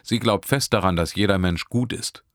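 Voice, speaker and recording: Man reading a chatty teasing young woman driver, low-ish voice, dry close audiobook sound. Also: moderate pace, no room sound, natural voice. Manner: talkative, teasing, laughing often. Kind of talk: audiobook character voice.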